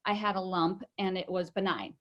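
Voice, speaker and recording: A woman's voice: fairly low pitch, steady tone, normal speed, dull audio. A middle-aged woman, a guest in an interview, telling a personal story in a chatty way with many fillers and restarts.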